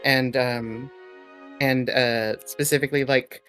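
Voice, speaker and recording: A casual speaker on an online voice call whose audio keeps breaking up and dropping out. They talk in halting fragments that trail off mid-sentence. The voice sits at an ordinary middle pitch. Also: steady tone, fairly bright tone, clean tone, faint music behind. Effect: choppy online call audio that keeps cutting out. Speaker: book club participant. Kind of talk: casual group chat over a voice call.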